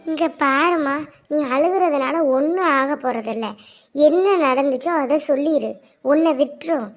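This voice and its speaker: A woman voicing a calm, patient elder sister-in-law who talks softly and slowly in a cartoon. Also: high-pitched, faint music behind. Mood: coaxing. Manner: soft, soothing, slow.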